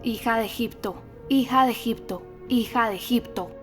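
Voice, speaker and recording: A woman's voice: a little high, steady tone, moderate pace, faint music behind, natural voice. A woman voicing a deranged, grieving old female recluse who raves and mocks in a singsong, in a storybook reading. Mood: taunting. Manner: mocking singsong, raving.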